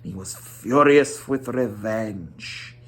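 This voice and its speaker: A storyteller giving a dramatic storybook reading, with theatrical, weighty delivery and drawn-out emphasis. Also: mid-range voice, fairly bright tone.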